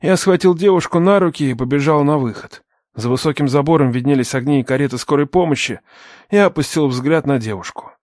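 A man narrating a dramatic story in the first person, tense and urgent, raising his voice for shouted dialogue. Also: fairly high pitch, a little fast, no room sound, clean studio sound.

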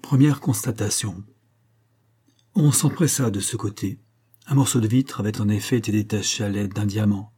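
Man narrating a story, measured delivery, dark mellow timbre, breathy edge. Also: lowish voice. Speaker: audiobook reader. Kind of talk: scripted narration.

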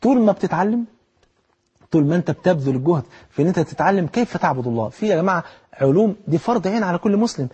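A man with an Egyptian Arabic accent giving a lively colloquial sermon, exhorting the listener directly. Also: high voice, very fast, breathy edge, lo-fi sound. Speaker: preacher.

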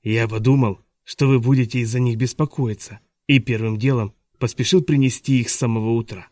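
A man's voice: medium pitch, steady tone, a little fast, a little mellow, dry recording, clean studio sound, close to an everyday voice. A man voicing a scheming villain posing as a teacher, who sounds falsely polite and gloating, in an audiobook. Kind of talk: audiobook dialogue reading.

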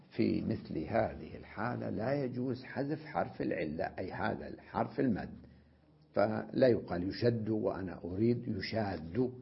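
A man teaching Arabic grammar in a recorded lesson, explaining step by step, repeating example words slowly and often asking if his students follow. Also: mid-range voice, vocal fry, husky. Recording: dull lo-fi lecture recording.

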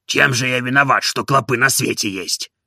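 Guy doing a grouchy old servant, gravelly and husky, drags his words, put-upon. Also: mid-range voice, sharp tone, no echo, studio quality, heavily acted. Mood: aggrieved. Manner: slow, grumbling, aggrieved. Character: grumbling old male manservant, sulky and put-upon.

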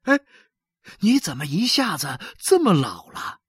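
A woman's voice: lowish voice, very animated, a little slow, husky, no room sound, clean studio sound, exaggerated voice. A woman doing a tearful, begging poor man. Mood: surprised. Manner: pleading, tearful, stammering. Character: poor, desperate working man begging for help.

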